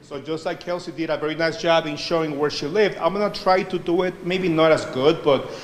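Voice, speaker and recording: A man's voice: on the high side, fairly quick. A man in his forties, from Mexico, teaching a biology class and sharing his background in a friendly, personal way. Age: 40s. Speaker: biology lecturer. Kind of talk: classroom lecture with interpreter. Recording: echoey hall with faint ambience.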